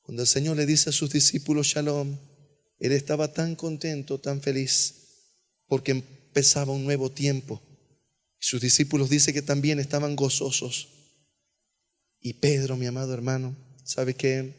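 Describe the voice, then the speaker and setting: A male pastor preaching an earnest sermon, dropping to a hush on key phrases. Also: mid-range voice, little pitch movement, normal speed. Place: church sanctuary. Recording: long church reverb.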